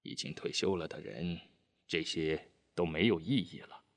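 A man voicing a bitter, weary retired army man who answers curtly and a little quietly in a storybook reading. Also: low voice, unhurried, dry recording. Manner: bitter, curt, sighing.

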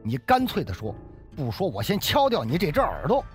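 A man voicing a hot-tempered male squad leader who speaks in gruff, curt threats. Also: on the high side, huge pitch swings, fairly quick, soft background music. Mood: threatening.

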